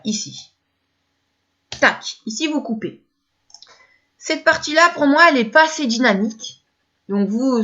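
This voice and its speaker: A woman's voice: mid-range voice, sharp tone, muffled recording. A woman teaching video editing step by step, hesitant and repeating herself as she talks through each click. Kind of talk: screen-recorded editing tutorial.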